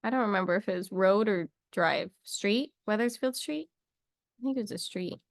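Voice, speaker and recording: Chatty young woman with gravelly fry. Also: mid-range voice, moderate pace, no echo, clean studio sound. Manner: chatty, rambling asides, playful. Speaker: teacher. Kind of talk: casual English lesson to camera.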